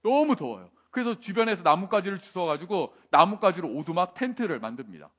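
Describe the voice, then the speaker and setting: A man's voice: high voice, fast, dull audio. A male pastor telling a Bible story in a playful sermon, asking the listeners questions. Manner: animated, playful questions to the audience.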